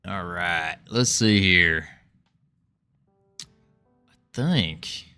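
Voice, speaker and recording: A man's voice: low-pitched, extremely slow, clean tone, soft background music. A man streaming his game development, chatting casually with viewers and thinking aloud as he works. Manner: relaxed, chatty, greets viewers, muses while working.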